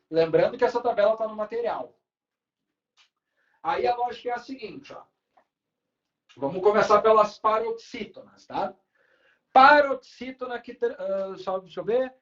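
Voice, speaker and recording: A Brazilian man teaching a live online grammar class at a whiteboard, lively and checking in with students often. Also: high-pitched, roomy sound, lo-fi sound. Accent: Brazilian Portuguese.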